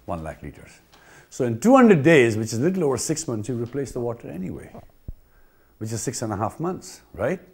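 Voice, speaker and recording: Speaking at a medium pitch, this pool company trainer sounds very animated, brisk and slightly rough. He has an Indian accent and keeps his informal session emphatic and repetitive, tossing out rhetorical questions to check in.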